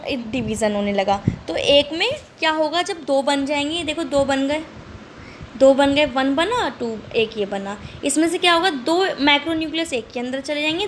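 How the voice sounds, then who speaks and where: Female teacher, high pitch, drills students with repeated questions, light background hum. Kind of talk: lecture.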